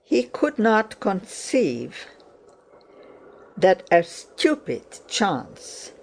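A woman narrating a classic novel as an audiobook, with a measured, unhurried reading. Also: fairly low pitch, a little mellow. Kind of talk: scripted narration.

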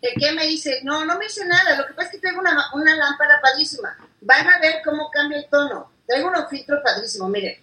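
A woman's voice: high voice, fast, bright, forceful tone, distant mic. A woman co-hosting a casual gossip chat over a video call, chatty and playful. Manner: chatty, playful, shows things off. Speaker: gossip show co-host. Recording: echoey room, set back from the mic.

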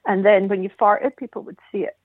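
This caller's medium-pitched voice moves briskly as she chats with a radio show by phone, explaining things at rambling length. There's no room sound, just a tinny, dry phone line.

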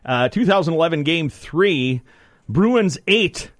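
A man's voice: on the high side, expressive, takes it slowly, no echo, clean studio sound. A man hosting a morning sports radio show, chatting casually and thinking aloud. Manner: rambling, thinks aloud with fillers.

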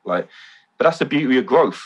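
A man telling stories as a podcast guest, excitable and loose, swearing casually. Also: medium pitch, a little fast, breathy edge. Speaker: podcast guest, event organiser. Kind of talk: casual chat.

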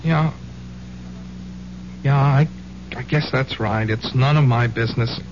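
An actor playing an earnest, protective twenty-year-old piano student in a 1970s radio drama, boyish and stammering. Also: male voice, mid-range voice, takes it slowly, background noise, close to an everyday voice. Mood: hurt, indignant. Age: young adult. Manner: boyish, stammering, blurts things out. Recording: muffled, humming old radio broadcast.

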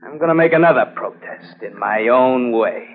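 A man's voice: mid-range voice, animated, moderate pace, very noisy, natural voice. An actor playing a bitter, scarred male war veteran who speaks in a mocking, sarcastic way, in 1940s radio acting. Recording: tinny old radio broadcast with music.

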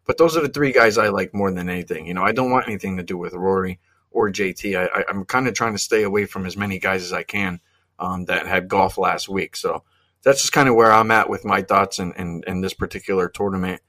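A man's voice: deep voice, steady tone, brisk, fairly bright tone. A man hosting a casual sports betting podcast, rambling with many fillers and restarts. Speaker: podcast host.

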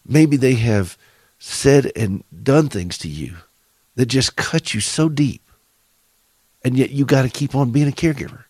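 Speaking unhurriedly in a husky, slightly mellow mid-range voice, this animated middle-aged Southern host encourages caregivers on his radio show. His talk is earnest, preacherly, and faith-based, with direct questions to listeners, and the recording has no room sound.

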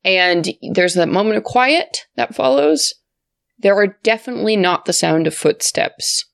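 A woman's voice: medium pitch, lively intonation, a little slow, creaky, dry recording, studio quality. A woman improvising narration as the game master of a tabletop role-playing game.

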